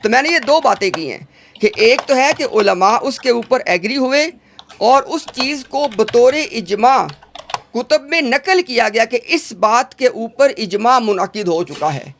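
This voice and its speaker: High-voiced man, insistent debater. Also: lively intonation, a bit bright, a little hiss or hum. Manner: insistent, interrupting, repeats himself. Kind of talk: heated religious debate.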